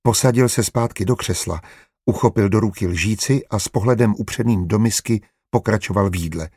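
A man narrating an audiobook in a measured, even storytelling manner on a close studio mic. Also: on the low side, slightly rough, dry recording.

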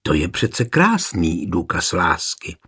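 A man reading a historical novel aloud voices a calm, mocking young nobleman taking revenge on his wife. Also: deep voice, breathy edge, pitched below the performer's own voice, exaggerated voice.

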